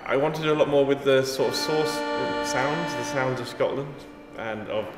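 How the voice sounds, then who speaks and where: Speaking at a normal pace with medium pitch, an Englishman who composes music chats in a casual interview. His manner is reflective and modest about himself, and he keeps restarting sentences, while music plays behind him in the echoing gallery hall.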